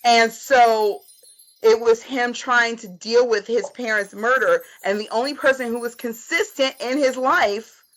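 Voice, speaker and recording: A woman's voice: on the high side, a little slow, fairly bright tone, poor audio. A woman talking casually about film and TV on a video call, emphatic and repeating herself for stress. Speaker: podcast panelist. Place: indoors at home on a video call.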